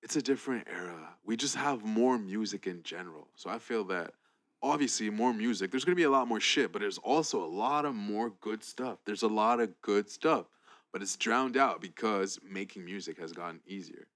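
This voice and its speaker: A young man from Canada co-hosting a music podcast, chatting casually and playfully with quick reactions. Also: on the low side, a bit bright. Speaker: podcast co-host. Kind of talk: casual chat.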